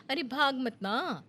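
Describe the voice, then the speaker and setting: A young female friend from a storybook, acted by a woman, with a bright, high voice. She leans in and confides her scheme in a playful, conspiratorial way. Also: full character voice. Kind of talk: Hindi storybook voice acting.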